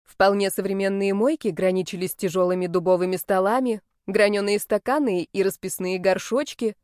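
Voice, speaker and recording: A woman narrating a first-person fantasy novel in a lively, expressive storytelling manner at a close mic. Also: mid-range voice, a little fast, no room sound. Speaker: audiobook narrator.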